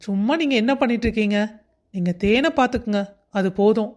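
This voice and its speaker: A woman voicing a caring young husband in a cartoon story who teases gently and reassures his wife. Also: a little high, fairly quick, natural voice. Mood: reassuring. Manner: warmly teasing, reassuring. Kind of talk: Tamil cartoon voice acting.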